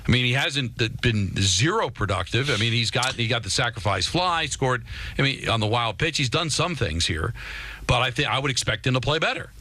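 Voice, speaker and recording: A man's voice: medium pitch, animated, brisk, pushed and bright. A man co-hosting a sports talk radio show, arguing emphatically with repeated starts and rhetorical questions.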